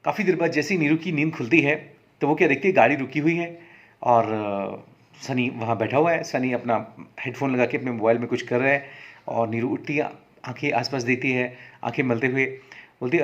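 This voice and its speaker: A man narrates a story in a relaxed, conversational manner, often stopping to correct himself. His voice sits at a middling pitch. The recording is a bit dull and lo-fi. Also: brisk. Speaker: storyteller host. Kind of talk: casual spoken storytelling.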